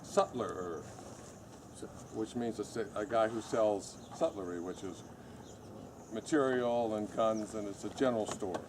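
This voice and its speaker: A low-voiced man trades joking stories from his acting days on a convention panel. His self-deprecating asides come through over heavy, constant background noise. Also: fairly even intonation, normal speed. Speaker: panel guest, actor.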